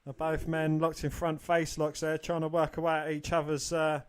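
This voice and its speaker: A man co-hosting a podcast who gives steady play-by-play wrestling commentary. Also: a little high, normal speed, clear, resonant tone. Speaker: podcast co-host.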